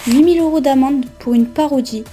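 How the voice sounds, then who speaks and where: A woman's voice: sits high, a little fast. A woman giving scripted documentary narration in punchy, dramatic short phrases. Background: soft background music.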